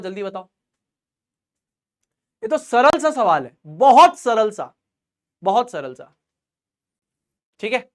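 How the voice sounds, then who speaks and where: Young male online tutor, high voice, chatty and joking with his class. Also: clear, resonant tone. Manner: playful, chatty, jokes with students between quiz polls. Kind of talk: live online chemistry class.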